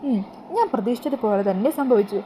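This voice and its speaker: A woman's voice: a little high, quick pace, warm tone, slight background noise, natural voice, poor audio. A woman playing a blunt scheming girlfriend. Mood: curious. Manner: blunt, lecturing, bossy. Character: scheming blunt female friend, cold and pushy.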